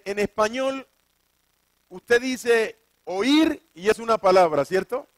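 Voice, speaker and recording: A man's voice: sits high, no room sound. A male preacher reading scripture aloud and explaining it, constantly asking his listeners questions, answering them himself and repeating key phrases for emphasis.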